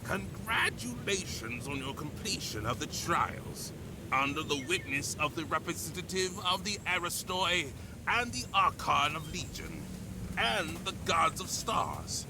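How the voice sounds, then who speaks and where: A man's voice: fairly high pitch, animated, unhurried, background noise. A man voicing a pompous, theatrical presiding official in a dramatic video game. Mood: ceremonial.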